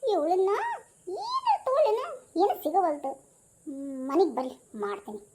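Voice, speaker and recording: A woman acting a gossipy, fussing older auntie with grandchildren in a comic home skit, speaking with a North Karnataka accent and loud chiding exclamations. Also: very high-pitched, wildly swooping pitch, normal speed, heavy background noise, exaggerated voice. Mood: grumbling. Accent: North Karnataka Kannada. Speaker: neighbourhood auntie in a comedy skit.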